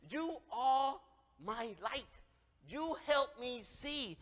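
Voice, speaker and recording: In a spacious church sanctuary, a thirty-something pastor with a Cambodian accent and Khmer as his native tongue gives an animated sermon full of gestures and big jumps from loud exclamations to softness. His voice is high, recorded through a headset with long hall reverb.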